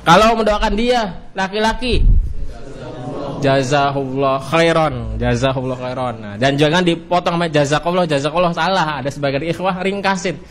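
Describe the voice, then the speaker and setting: A man with an Indonesian accent teaching an Arabic grammar lesson, drilling each form with a rising cue and a falling answer, and drawing out the Arabic words slowly. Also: sits high, fairly bright tone. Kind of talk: classroom lesson.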